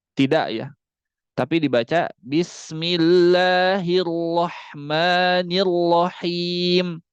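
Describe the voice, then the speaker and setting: A man teaching Quran recitation in an online class over a close mic. He explains each rule, then models the words in long, drawn-out recitation. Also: mid-range voice, dry recording, dull audio. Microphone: close mic on a video call.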